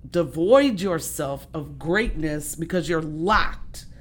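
A woman's voice: deep voice, animated, takes it slowly, faint music behind. A woman hosting a casual conversation, reflective and emphatic, asking rhetorical questions. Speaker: host.

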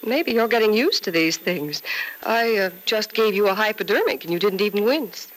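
An actress playing a gentle, bereaved young nurse in a 1940s radio soap opera, consoling in an earnest, wistful, measured way. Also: female voice, medium pitch, lively intonation, lightly acted, low-quality recording. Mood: gentle, reassuring. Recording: old radio recording with faint noise.

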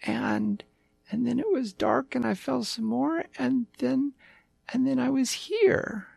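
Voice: high-pitched, very animated, slow, creaky, a little mellow, husky, no room sound, pitched above the performer's own voice, exaggerated voice. A storyteller voicing a small, eager, lost male puppy who rambles in long run-on sentences. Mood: rambling.

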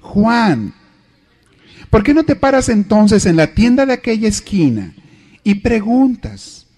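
A man voicing an adult wife, urging her husband to ask for directions, in a raised higher voice. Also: big pitch swings, takes it slowly, mellow, slightly rough, exaggerated voice. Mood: coaxing. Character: nagging wife giving directions, adult woman.

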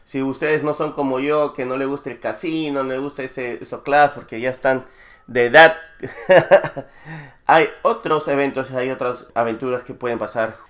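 A man, co-hosting a casual podcast chat, relaxed and laughing often. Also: mid-range voice, normal speed. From lives in New Jersey. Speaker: podcast co-host, producer.

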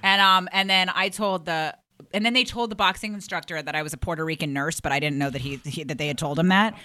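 A woman's voice: on the low side, fast talker, pushed and bright. A woman comedian in casual podcast chat, telling brash, profane stories and acting out quotes. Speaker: comedian guest.

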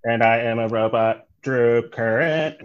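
A man, a podcast guest, doing a slow, mechanical robot voice. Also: medium pitch, clean tone, muffled recording, lightly acted.

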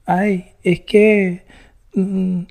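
A man's voice: high voice, flat delivery, drawn-out words, creaky, a little mellow, voice pushed up, heavily acted. A Venezuelan man imitating his clingy young wife in a whiny, wheedling tone. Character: clingy playful young wife wanting attention.

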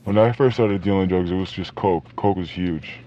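A former drug dealer, a man whose voice is electronically disguised and shifted low, talks haltingly in a casual interview with many fillers and restarts. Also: warm tone. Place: inside a moving car. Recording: dull lo-fi sound with faint noise.

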